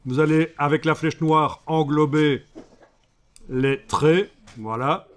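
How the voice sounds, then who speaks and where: A man with a Belgian French accent teaching a live software class, breaking up the steps with joking asides to his students. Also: fairly high pitch.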